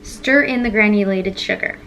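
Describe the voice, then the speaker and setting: A woman's voice: mid-range voice, normal speed, a bit bright, a little hiss or hum. Self-mocking woman rambling through a bake. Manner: rambling, self-mocking, talks to herself while reading a recipe. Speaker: home baking vlogger. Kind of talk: casual self-filmed baking vlog.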